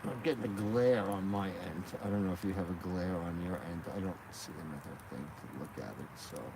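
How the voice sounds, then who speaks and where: A man with a low voice talks briskly on a casual live stream, rambling and laughing easily as he chats. The scene is outdoors at night beside a fire, shot on a gimbal-mounted phone, with background noise.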